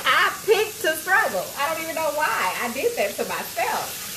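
A playful cooking show host chats casually with her livestream viewers, calling them y'all, while she cooks in her home kitchen. Her high, very animated voice moves at a normal speed and is picked up by a phone on a small tripod about arm's length away. Frying grease sizzles clearly in the background.

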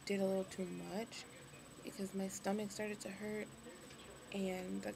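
A young woman speaking casually to camera, tired and weak after surgery, low on energy and hesitant. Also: monotone, measured pace. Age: young adult. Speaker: vlogger. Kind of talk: casual video diary. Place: hospital room. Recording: clearly noisy webcam recording, room ambience.

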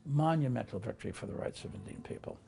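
An older man, a lawyer, telling stories from his career in a documentary interview, measured and reflective. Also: mid-range voice, lively intonation, creaky, mellow, faint music behind. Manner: measured, reflective, acts out quoted voices. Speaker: interviewee, lawyer recalling cases.

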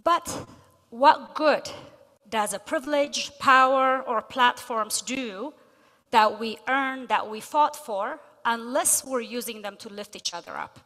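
A middle-aged woman from Ethiopia delivering a prepared speech on stage, measured with emphasis on key words. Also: on the high side, bright, forceful tone. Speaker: guest speaker. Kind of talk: prepared speech read from notes. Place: large convention hall stage. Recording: long reverb of a big hall.

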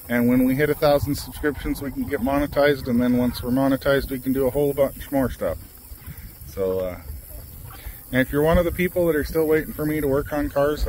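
A man's voice: medium pitch, slight background noise. A man hosting a farm vlog, chatting casually and rambling with fillers while filming outdoors. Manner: relaxed, rambling, lots of fillers. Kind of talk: casual chat while doing chores. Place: outdoors on a ranch among chickens and cows.

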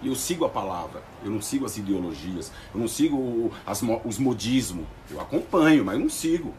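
A Brazilian man rants in vlog commentary, slangy and defiant. He talks very fast with wide, lively pitch swings. A faint hiss sits under his voice. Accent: Brazilian Portuguese. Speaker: vlogger reacting to a TV clip. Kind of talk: ranting commentary.

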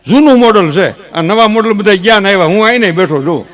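A man with a Kathiawadi Gujarati accent, a stage comedian mixing folksy, animated stories with earnest advice. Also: high voice, fairly quick. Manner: folksy, animated storytelling with gestures; earnest advising. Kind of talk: humorous stage talk with advice.

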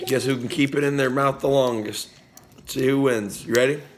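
A man's voice: mid-range voice, steady tone, fairly quick, crowd noise. A man in his thirties chatting casually to camera as a playful father hosting a family challenge, like an announcer. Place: room at home. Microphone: phone or tablet at arm's length. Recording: hissy home phone recording with clicks.

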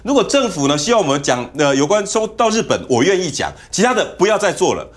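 A man's voice: sits high, fast. A man with a Taiwanese Mandarin accent giving heated political commentary as a talk show guest in a TV studio, telling stories and mimicking others. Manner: animated, storytelling, mimics others.

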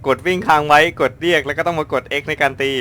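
A Thai man commenting while playing a horror game, chatty and excitable, yelping and apologizing to the characters. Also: on the high side, fast talker, slight background noise. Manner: excitable, yelps and shouts when chased. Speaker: gaming YouTuber. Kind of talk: let's play commentary. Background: game music.

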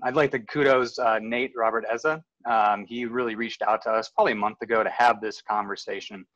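Low-voiced man moderating a video call. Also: no echo. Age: 30s. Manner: relaxed, many fillers and restarts. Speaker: panel moderator. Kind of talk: casual introductions on a video call. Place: home room with framed photos on the wall. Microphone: video call webcam, earbud. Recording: dull, dry video call audio.

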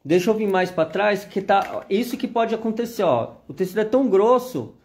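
High-voiced man demonstrating sewing machines. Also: expressive, moderate pace, darkish tone. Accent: Brazilian Portuguese. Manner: chatty, repeatedly pointing things out to viewers. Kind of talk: live product demonstration.

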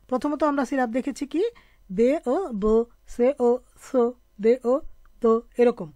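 A woman teacher explains pronunciation slowly and patiently, spelling each sound out one by one. Her voice sits a little high yet sounds dark and mellow. It is recorded close and dry, with no room echo. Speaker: French teacher. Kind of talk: online language lesson.

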